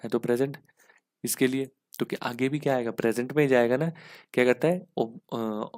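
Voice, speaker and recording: A man's voice: medium pitch, fairly even intonation, fairly quick, darkish tone, dry recording, studio quality. A man teaching an exam-prep English grammar lesson, explaining step by step and asking "ठीक है?" again and again.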